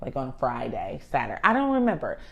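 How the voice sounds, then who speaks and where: A woman's voice: rumbling low, huge pitch swings, fairly quick, creaky, dull audio. A woman co-hosting a podcast, telling candid, emphatic stories with frequent swearing in casual chat. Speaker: podcast co-host.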